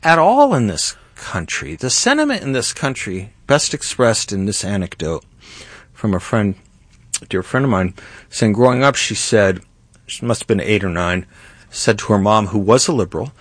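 A man's voice: fairly low pitch, very animated, moderate pace, no echo. A middle-aged man hosting a political talk show, speaking emphatically and rising to indignant outbursts. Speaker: host.

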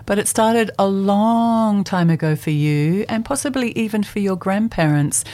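A woman hosting a community radio show from the studio, chatty and quick to laugh, with loose, rambling phrasing. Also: mid-range voice, expressive, darkish tone. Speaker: radio host.

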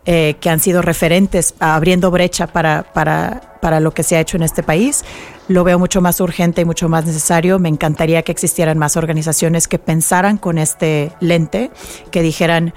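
A woman from Mexico with a Mexican accent, speaking as a guest on a radio interview, thoughtful and unhurried, with many fillers. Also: fairly low pitch, fairly even intonation, a little mellow. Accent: Mexican Spanish. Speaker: guest, nonprofit executive director.

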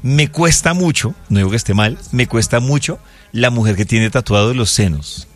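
A man's voice: medium pitch, lively intonation, moderate pace. A man chatting candidly as co-host, joking at his own expense. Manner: candid, chatty, self-mocking. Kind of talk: casual chat.

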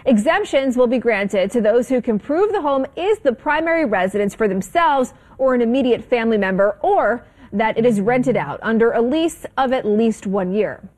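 News lady reading a script, crisp and even, kinda high voice. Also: normal speed. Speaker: news anchor.

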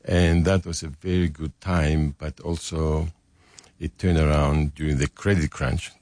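A Greek restaurateur in his seventies tells his story as a guest in a radio studio interview, joking and self-deprecating throughout the casual chat. He has a Greek accent and a dark bass voice with a flat, slightly slow delivery, and there's no room sound.

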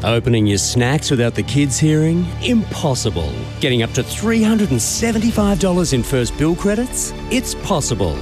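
Higher-pitched lively man reading an advert. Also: normal speed, over music. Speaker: advertising voice-over. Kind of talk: scripted ad narration.

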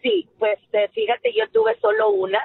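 A woman's voice: extremely high pitch, very animated, moderate pace, narrow, tinny audio. A woman, calling in to a radio show and telling a personal story with feeling. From Guatemala. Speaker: caller. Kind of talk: phone-in call.

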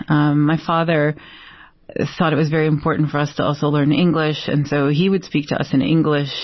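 A Brazilian-born woman poet with a low-pitched voice answers interview questions thoughtfully, pausing often and using many fillers. The recording has a dull, dry lo-fi sound with no room sound.

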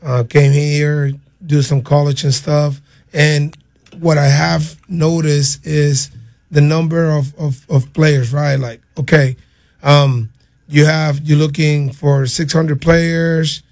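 Middle-aged man, halting. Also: on the high side, level tone, darkish tone. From Venezuela. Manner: halting, repeats words, earnest. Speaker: guest, player's father. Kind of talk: interview answers.

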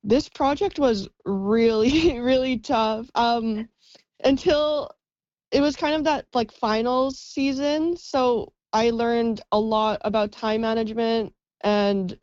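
A woman's voice: on the high side, fairly even intonation, slow, darkish tone, dry recording. A young woman, a student, chatting in a radio interview and filling her talk with "like". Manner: chatty, laughs between words, says "like" a lot. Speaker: journalism student. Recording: dry, dull lo-fi sound.

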